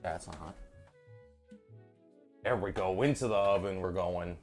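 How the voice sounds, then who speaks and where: Deep-voiced, swearing cooking stream host. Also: male voice, a little slow, faint music behind. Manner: profane, joking banter. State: tipsy from wine. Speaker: home cooking livestream host. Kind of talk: casual cooking stream chat. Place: home kitchen.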